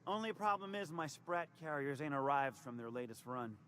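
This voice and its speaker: A man's voice: a little high, expressive, moderate pace, fairly bright tone, slight background noise. An actor playing a slippery, evasive male hustler in a video game, talking in stammering, wheedling sales patter. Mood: flustered. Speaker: game character.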